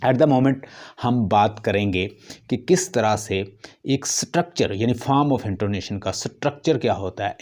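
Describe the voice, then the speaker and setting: A man teaching a lesson, explaining points slowly and repeating example sentences with exaggerated stress. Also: on the low side, mellow. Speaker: English teacher. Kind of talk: lecture explaining intonation.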